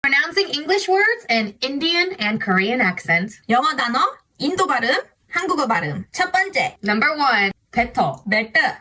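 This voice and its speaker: A woman's voice: high-pitched, big pitch swings, racing, bright, forceful tone, low-quality recording. A woman giving a playful, giggly comic demonstration of how words are said. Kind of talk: comic accent demonstration video.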